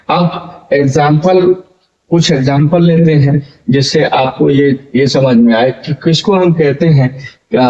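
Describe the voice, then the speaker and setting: A man teaching a grammar lesson, explaining slowly and calling his listeners friends. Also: medium pitch, warm tone, lo-fi sound.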